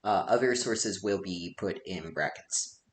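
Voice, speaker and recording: Expressive and unhurried, a Japanese man with a deep voice and Japanese as his first language presents a casual spoken lecture. He keeps it loose and conversational, often saying "like," while the echoey room carries a faint hiss.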